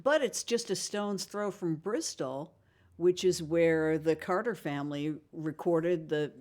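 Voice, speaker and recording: A conversational interviewer asks questions at a brisk clip. The voice sits in a medium pitch. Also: a little mellow.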